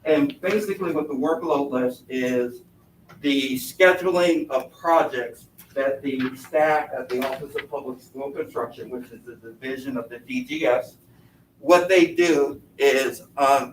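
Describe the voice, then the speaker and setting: A man giving a formal, measured presentation at a meeting, his voice slightly muffled as he speaks through a face mask. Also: medium pitch. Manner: measured, formal, wordy explaining. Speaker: consultant presenting to a school board. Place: indoor board meeting room. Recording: echoey meeting room, distant mic, faint noise.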